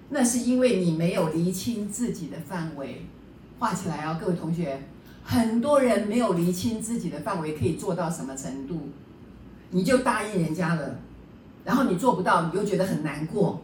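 A woman's voice: mid-range voice, a little mellow, recorded from a distance, a little hiss or hum. A woman teacher leading a book study class, lecturing in a chatty way and often checking in with the class through rhetorical questions. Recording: echoey room, voice a bit off-mic.

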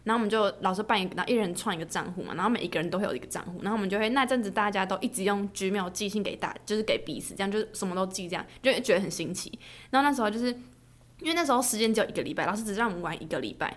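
A woman's voice: mid-range voice, rapid-fire. A young woman co-hosting a podcast, telling a story in casual chat and laughing often. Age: young adult. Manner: animated storytelling with lots of laughter. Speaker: podcast co-host.

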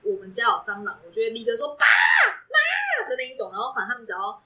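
Playful fast-talking woman. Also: mid-range voice, sharp tone. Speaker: podcast co-host. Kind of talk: casual chat.

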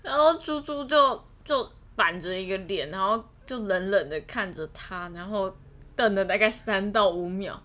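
A woman's voice: medium pitch, moderate pace. A young woman co-hosting a podcast, chatting casually and laughing often as she tells stories. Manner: laughs often, animated retelling. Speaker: podcast co-host. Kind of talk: casual storytelling chat.

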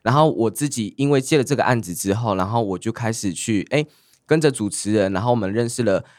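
A man's voice: lowish voice, fast, a little mellow, dry recording, clean studio sound. A man co-hosting a panel, chatting casually and thinking aloud with frequent fillers.

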